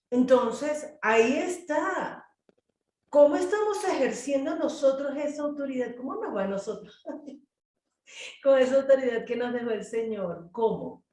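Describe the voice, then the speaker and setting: Animated woman leading a Bible study. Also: high-pitched, roomy sound, far from the mic. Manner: animated, acts out prayers and quotes in changing voices. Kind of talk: group Bible study teaching.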